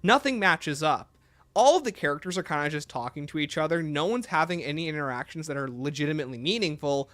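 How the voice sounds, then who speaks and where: A man's voice: a little high, animated, fast, a bit bright, dry recording. A man hosting a livestream, giving opinionated casual commentary and answering chat messages aloud. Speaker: livestream host.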